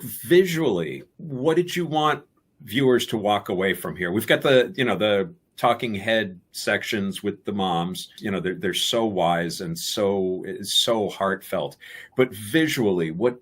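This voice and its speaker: A man moderating a festival Q&A, asking his questions in an animated way. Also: fairly low pitch, measured pace, husky. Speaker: panel moderator.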